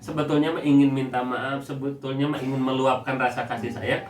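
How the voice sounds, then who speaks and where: A man's voice: medium pitch, brisk. A young man with a Sundanese-accented Indonesian voice preaching on family life, telling humorous personal stories to a congregation. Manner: animated, humorous personal storytelling. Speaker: Islamic preacher. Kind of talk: family religious talk to a congregation. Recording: echoey hall, distant mic, background noise.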